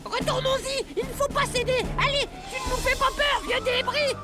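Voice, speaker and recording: A woman voicing an excitable, quarrelsome, whiny seagull in a French children's cartoon, with indignant, melodramatic exclamations. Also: very high voice, moderate pace. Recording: loud music behind the voice.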